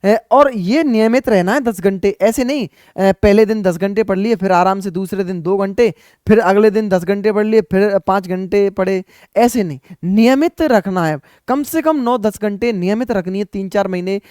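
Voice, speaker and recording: A man's voice: high-pitched, normal speed, darkish tone, clean tone, no room sound, studio quality. A man, giving earnest, repetitive study advice as an exam coaching teacher.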